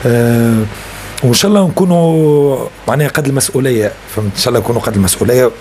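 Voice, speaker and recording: A man's voice: medium pitch, very fast, a little mellow, a little hiss or hum. A young man with a Tunisian accent, a singer answering interview questions earnestly and often checking that he is understood. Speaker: singer and rapper.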